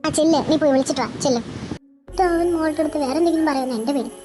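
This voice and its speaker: A woman's voice: sits high, lightly acted. Doting fussy mother, a woman acting. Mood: coaxing. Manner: coaxing, fussing, fast-talking. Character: doting middle-aged mother and aunt. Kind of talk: fan audio drama. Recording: background music under voice.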